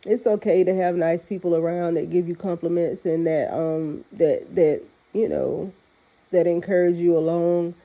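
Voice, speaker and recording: A woman speaks with a stuffed-up nose, sounding as if someone is pinching it. Her voice is very dark and on the low side, slightly muffled by a dull recording. She gives earnest spiritual advice in an unscripted, deliberate way. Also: steady tone. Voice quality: congested, nasal, as if nose pinched. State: congested from recent illness. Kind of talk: spiritual pep talk, speaking off the cuff.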